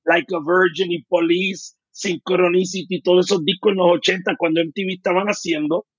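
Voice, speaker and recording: A man's voice: high-pitched, fairly even intonation, moderate pace, slightly rough, dry recording. A Puerto Rican man in his fifties, a guest telling his life story in detail, speaking with a Puerto Rican Spanish accent. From Puerto Rico. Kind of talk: storytelling interview.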